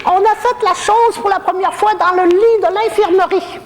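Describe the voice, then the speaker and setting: Steady in tone and speaking at normal speed, a woman with a Québécois French accent plays a bawdy old lady in a retirement home for a comedy character monologue. Her very high voice trails long reverb over a noisy background as she tells racy, gossipy jokes about herself.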